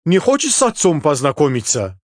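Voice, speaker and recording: A man voicing a calm, laconic man from Baku with an Azerbaijani accent and terse, unhurried phrasing. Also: fairly high pitch, no echo, studio quality, pitched above the performer's own voice.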